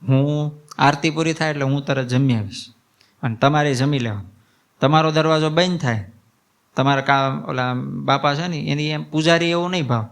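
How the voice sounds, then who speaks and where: A man's voice: a little high, moderate pace, natural voice. A man doing a stubborn little village boy. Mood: eager. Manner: eager, pleading childlike talk.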